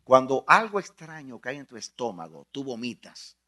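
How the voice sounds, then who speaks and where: A male pastor preaching a sermon, emphatic, repeating phrases and swinging from hushed to loud. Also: medium pitch, very animated, moderate pace.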